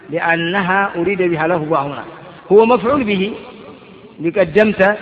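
High-voiced man teaching grammar. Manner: reads a text aloud, then explains it with rhetorical questions. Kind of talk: classroom commentary on a grammar text. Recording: muffled, echoey lecture hall.

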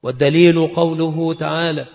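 Man, religious lecturer, melodic chanted recitation, fairly high voice, dull lo-fi recording. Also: steady tone, moderate pace, gravelly. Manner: recites verses in melodic chant, reads scholarly quotes plainly. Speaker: Islamic lecturer. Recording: dull lo-fi sound with long reverb.

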